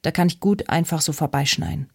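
A woman reads the part of a helpful young man, lowering her voice slightly and sounding matter-of-fact. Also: fairly even intonation, a little fast, gravelly, breathy edge, no room sound, studio quality, heavily acted. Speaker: audiobook character.

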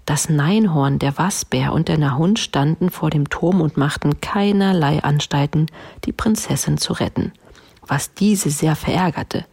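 A woman reads a children's story aloud in a low, husky voice. She takes her time, with a gently wry touch. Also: a little slow.

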